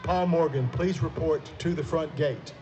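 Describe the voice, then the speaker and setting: A man's voice: a little high, steady tone, warm tone, slight background noise. A man making a formal, urgent announcement over an outdoor stadium PA system, heard from a distance. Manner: measured, formal, urgent request. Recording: muffled PA sound caught from a distance.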